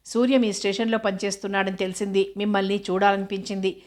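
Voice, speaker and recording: A woman's voice: medium pitch, level tone, quick pace, a little mellow, lightly acted. A woman reading the part of a polite grown man, a former pupil, speaking respectfully in her own voice.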